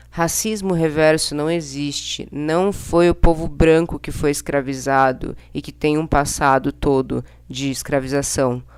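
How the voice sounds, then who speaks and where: Casting: young Brazilian woman, low-pitched voice, blunt and exasperated vlogger with casual slangy delivery. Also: a little mellow, clear, resonant tone. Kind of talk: casual opinionated monologue to camera.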